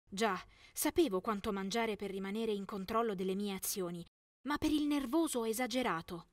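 A young woman narrates a first-person teen story for an animation. Her voice sits a little high, and she enunciates clearly with expressive delivery. The recording is dry and close, with little room sound. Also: no room sound.

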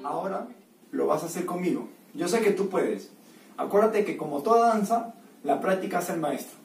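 A man's voice: high voice, animated, moderate pace, vocal fry. A man from Peru teaching a recorded dance lesson, counting and calling out step rhythms and encouraging his students. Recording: roomy, from far off the mic, with music. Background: music playing.

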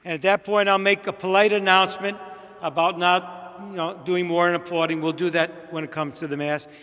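Priest running a rehearsal: high-pitched man, breezy instructions with quips, long church echo. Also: little pitch movement, fairly quick, fairly bright tone. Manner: chatty, directive, joking asides. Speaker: priest leading a wedding rehearsal. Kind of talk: giving stage directions at a rehearsal. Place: large church.

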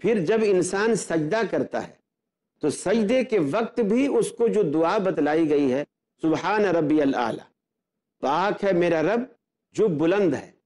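A man speaking as an Islamic scholar, explaining belief in an earnest, step-by-step way. His voice sits a little high but sounds dark and mellow, and he often poses rhetorical questions to make his case. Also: expressive, a little slow. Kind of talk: religious explanatory talk.

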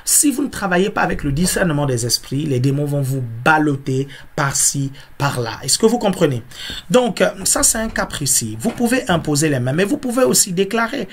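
Husky-voiced pastor preaching a sermon. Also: male voice, on the high side, sing-song, a little fast. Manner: teaching, repeats key phrases, asks if listeners understand.

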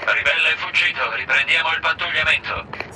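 Military radio dispatcher, radio transmission, clipped commanding orders, distant, noisy gunfire mix. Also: male voice, on the high side, a little fast. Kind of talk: video game dub.

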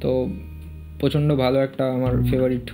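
A man's voice: mid-range voice, little pitch movement, fairly quick. A man teaching a fingerstyle guitar lesson, counting beats, naming notes and singing bits of the tune. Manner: counts beats and names notes, sings snatches of the melody. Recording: loud guitar playing along.

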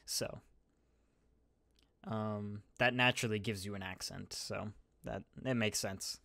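A man's voice: fairly low pitch, fairly even intonation, takes it slowly, creaky, sharp tone, dry recording, clean studio sound. A young man hosting a podcast, chatting in a rambling, self-deprecating way with lots of fillers. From United States. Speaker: podcast host. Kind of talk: casual chat.

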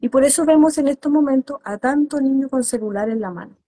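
A woman's voice: high voice, fast talker, dark tone, no echo. A woman therapist speaking earnestly in an interview about parenting, acting out parents and children as she explains. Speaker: guest therapist.

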